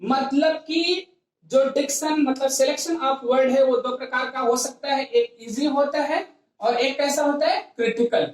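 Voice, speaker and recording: A woman's high, slightly mellow voice carries through a very echoey classroom as she teaches English grammar at a measured pace. She breaks the material into steps and asks herself rhetorical questions along the way.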